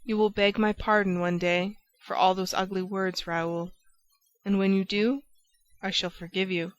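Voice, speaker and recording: A woman reading the part of a secretive young woman who pleads in a low, hushed voice. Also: little pitch movement, unhurried, clean tone, dull audio, natural voice. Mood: quiet resolve.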